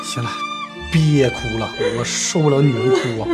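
A man's voice: medium pitch, moderate pace, music in the background, close to an everyday voice. An actor playing a kindly rural village man who talks plainly and coaxingly in a TV drama. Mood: soothing. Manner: soothing, plain-spoken, coaxing. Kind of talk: TV drama acting.

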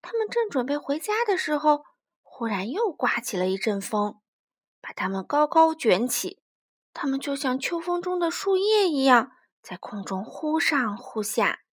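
A woman telling a children's picture-book story, gentle and expressive. Her voice sits high and moves a lot, rising and falling through every sentence. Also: unhurried.

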